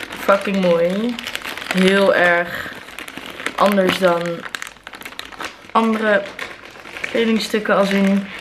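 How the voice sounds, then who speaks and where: A woman in her twenties, chatty and excitable, talking casually into a handheld camera in her bedroom. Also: mid-range voice, background noise. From Netherlands. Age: 20s. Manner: chatty, excitable, mixes in English phrases. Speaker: vlogger. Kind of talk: casual vlog chat. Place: bedroom at home, indoors. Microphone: handheld camera close up.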